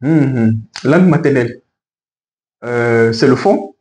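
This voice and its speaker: A fashion professional from Benin, a native speaker of a local language with a Beninese accent, answers interview questions earnestly, explaining and giving advice point by point. He speaks slowly and expressively in a medium, darkish voice. The room echoes, with faint background noise.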